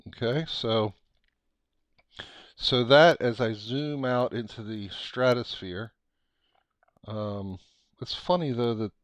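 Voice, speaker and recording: A middle-aged American man giving an unscripted, casual software walkthrough, thinking aloud haltingly as he explains. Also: medium pitch, dry recording. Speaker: software tutorial presenter.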